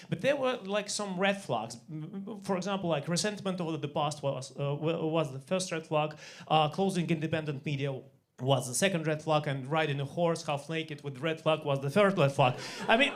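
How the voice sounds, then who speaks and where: A man in his forties from Russia with a Russian accent, doing a stand-up comedy set on a club stage, deadpan and halting with many fillers and restarts. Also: high voice. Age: 40s.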